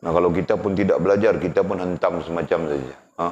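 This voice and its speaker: A man's voice: sits low, fast, a little mellow, slight background noise. A man teaching a religious lesson in a conversational way, often asking his students questions. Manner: conversational, rhetorical tag questions, addresses students. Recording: dull lo-fi recording.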